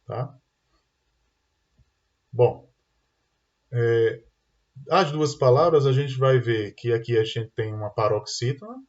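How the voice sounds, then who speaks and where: A man's voice: medium pitch, slow, pauses often. A man with a Brazilian Portuguese accent teaching an online exam-prep lesson, explaining step by step and often checking in with "tá?" and "né?". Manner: explanatory, tag questions "tá?" and "né?". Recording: dull lo-fi sound.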